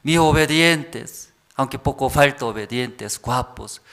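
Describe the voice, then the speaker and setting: Bitter mourning parent, accusing lament, middle pitch, put on by a preacher. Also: male voice, moderate pace, fairly bright tone, close to an everyday voice. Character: grieving parent blaming the other's child.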